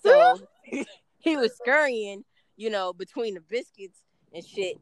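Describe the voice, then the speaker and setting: A podcast co-host telling a story in an animated way and laughing often during a casual chat. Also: mid-range voice, slow pace, dry recording. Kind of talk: casual smoke-session chat.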